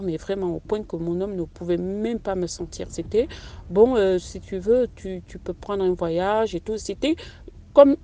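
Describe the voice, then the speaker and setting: Her voice is warm and medium in pitch as this middle-aged woman recounts a personal story. The casual testimony comes out hesitant and chatty, full of fillers and false starts.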